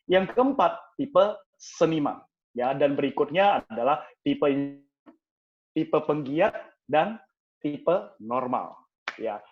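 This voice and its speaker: A man giving a lively sales training talk to insurance agents, repeating words for emphasis and addressing his listeners as friends. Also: on the high side, highs cut off.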